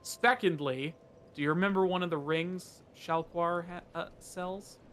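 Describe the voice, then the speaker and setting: A man's voice: high-pitched, a little slow, fairly bright tone, a little hiss or hum. A man giving casual game commentary, wryly teasing his friend while explaining the game's mechanics. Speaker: co-host guiding the player.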